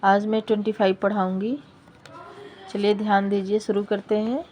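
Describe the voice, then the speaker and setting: A woman's voice: mid-range voice, flat delivery, normal speed, highs cut off, slight background noise. A woman teacher giving a patient classroom lesson, reading letters out one by one and explaining each step.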